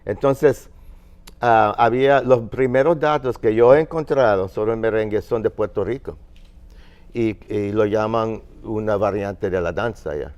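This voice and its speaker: A man from Finland on a panel, explaining music history in a halting, searching way with many fillers. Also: lowish voice, darkish tone, clear, resonant tone, muffled recording. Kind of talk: panel discussion.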